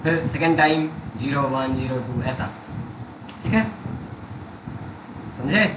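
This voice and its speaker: A man's voice: mid-range voice, measured pace, noisy background. Man teaching code in an echoey room. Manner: explains step by step, asks students to follow along. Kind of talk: coding tutorial.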